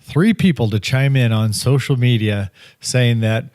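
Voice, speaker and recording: A man's voice: medium pitch, a little slow, a little mellow, dry recording, studio quality. A middle-aged man hosting a casual podcast, joking and rambling with lots of fillers. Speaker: podcast host.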